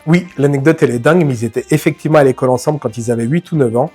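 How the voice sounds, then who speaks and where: Husky-voiced man hosting a casual film talk. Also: medium pitch, very fast, faint music behind. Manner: familiar, addresses the viewer directly, lively slang. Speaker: film channel host.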